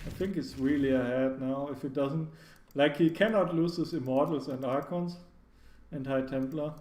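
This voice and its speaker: A man's voice: on the high side, moderate pace, darkish tone. Echoey-sounding man giving casual game commentary. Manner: hedging, filler-heavy analysis with frequent "like" and restarts. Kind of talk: casual live esports commentary. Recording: echoey room, faint background noise.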